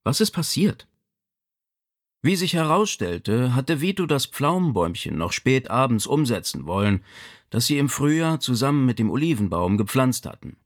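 Brief: male audiobook narrator, expressive and measured, gravelly edge. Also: medium pitch. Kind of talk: scripted narration.

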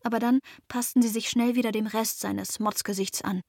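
Breathy, fairly high woman narrating a storybook. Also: steady tone, normal speed, darkish tone, no echo, clean studio sound. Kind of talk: scripted audiobook narration.

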